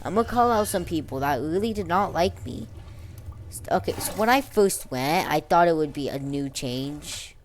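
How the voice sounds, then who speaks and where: A woman's voice: deep voice, lively intonation, normal speed, slight background noise. A young girl chatting casually and unscripted as a vlogger, rambling in slang with some stuttering and an impediment that turns R sounds into W. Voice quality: speech impediment on R sounds, says w for r. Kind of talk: casual unscripted life-story chat over gameplay.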